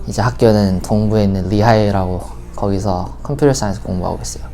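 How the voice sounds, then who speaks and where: Hesitant low-voiced young man. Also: steady tone, fast, mellow, soft background music. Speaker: student interviewee. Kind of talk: interview answers.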